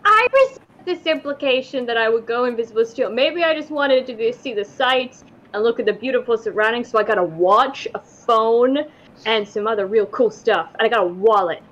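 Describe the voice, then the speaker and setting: A woman's voice: on the high side, brisk, fairly bright tone. A woman playing a tabletop game, chatting casually in a playful, joking manner. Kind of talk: casual chat during game play. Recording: dull, slightly noisy room recording.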